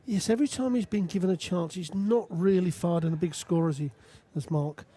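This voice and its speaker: A man's voice: sits high, fairly quick, mellow, husky. A man giving conversational, analytical live darts commentary as a co-commentator. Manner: analytical, addresses his co-commentator.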